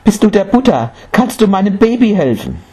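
A man voicing a desperate young mother in a storybook, pitching his voice high and pleading. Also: expressive, unhurried, a little mellow, husky.

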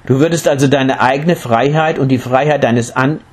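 A man's voice: medium pitch, moderate pace, pitched above the performer's own voice, natural voice. A man voicing a mighty human king in a read-aloud fable, speaking in stately, formal words. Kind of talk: storybook reading.

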